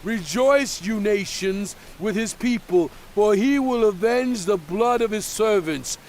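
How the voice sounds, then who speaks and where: An actor playing Moses as a solemn prophet in a dramatized scripture reading, declaiming in deliberate phrases. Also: male voice, high voice, a little mellow, a little hiss or hum. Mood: commanding, triumphant.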